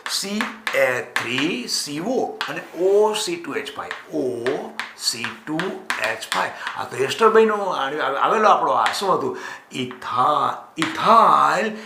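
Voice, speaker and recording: A man teaching chemistry exam prep in Gujarati, asking his students questions and answering them himself, stretching key terms out slowly. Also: a little high, very animated, echoey room, background noise.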